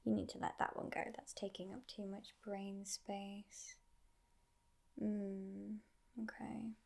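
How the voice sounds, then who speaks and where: A woman playing a teasing but gentle devil in an ASMR role-play, in a breathy, hushed voice with musing pauses. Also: medium pitch, flat delivery. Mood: coaxing, soothing. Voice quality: breathy, husky soft voice.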